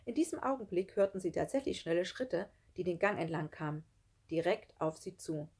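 A woman reading a children's book aloud with lively storytelling. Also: lowish voice, fairly quick, slightly rough. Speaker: reader.

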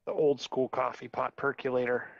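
A man in his forties co-hosting a podcast from a home office over a video call, chatting in a relaxed, meandering way. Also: medium pitch, normal speed, no echo. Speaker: podcast co-host. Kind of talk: casual chat. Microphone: remote video call. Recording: dull lo-fi call audio.

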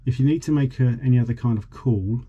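Speaking fast in a mid-range voice, a vlogger in his forties walks through a boat radio in an informal, slightly hesitant way. The recording is muffled, and the background is clearly noisy.

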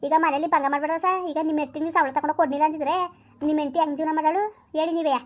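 A fiery village wife argues back and hurls curses at her husband, played by a woman. Her voice is high and shrill, and her words come out at a furious pace. It is a rural comedy sketch. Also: steady tone, very fast, natural voice. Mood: defiant. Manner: argumentative, shrill, cursing. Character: fiery village wife, quick-tongued and cursing.

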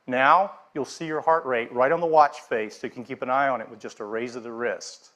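A middle-aged man giving a keynote on a large theater stage. His delivery is steady and scripted, through a headset mic, with a mid-pitched voice. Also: fairly quick. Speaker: product presenter. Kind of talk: keynote presentation.

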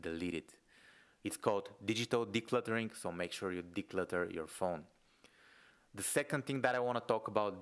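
A young Bulgarian man with a Bulgarian accent speaks in a low, fairly bright voice. He's an entrepreneur and online business coach giving a relaxed, conversational video lesson peppered with "like." He's indoors in a room at home, close to a studio mic set right in front of his face.

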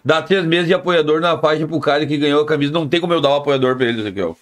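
A man's voice: a little high, rapid-fire. A man live streaming, chatting casually and repetitively with his viewers in slang. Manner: slangy, repetitive, talks straight to chat.

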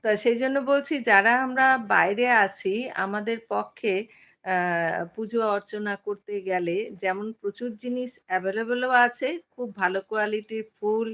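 A middle-aged woman hosts a casual live stream from her phone and talks straight to her viewers. She chats in a loose, easy way, fills gaps with little sounds and stops often to read comments aloud. Her voice sits at an average pitch for a woman. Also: moderate pace, a bit bright. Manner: chatty, many fillers, reads out viewer comments.

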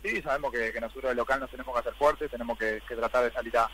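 A man's voice: mid-range voice, racing, a bit bright, a little hiss or hum, low-quality recording. A young Uruguayan man, a footballer, giving interview answers and repeating words as he searches for the next. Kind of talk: post-match interview answers.

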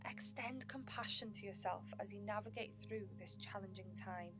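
A woman narrating a guided meditation in a gentle, soothing sleep-story manner, with measured pauses. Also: medium pitch, music in the background.

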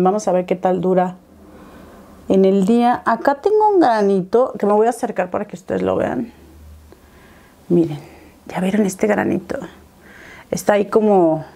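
A woman's voice: mid-range voice, mellow. A young woman talks viewers through her makeup step by step, chatting as she works. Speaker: beauty vlogger. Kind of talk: makeup tutorial chat.

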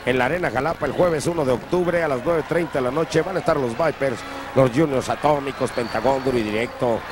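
A Mexican man giving chatty, colloquial wrestling commentary with shout-outs. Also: mid-range voice, brisk. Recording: very noisy old TV arena recording.

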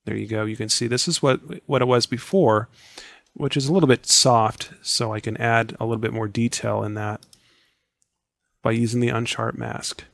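A man with a scratchy, hoarse voice, casually narrating a software tutorial step by step. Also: medium pitch, fairly even intonation, normal speed, no room sound. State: hoarse, losing his voice. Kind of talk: screen-recorded tutorial voice-over.

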